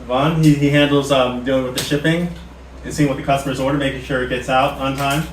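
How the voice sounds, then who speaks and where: Man, halting casual talk, repeats words, echoey room. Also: medium pitch, flat delivery, a crowd in the background. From United States. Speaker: company owner leading a factory tour. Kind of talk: casual tour narration. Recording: roomy, distant mic, loud background noise.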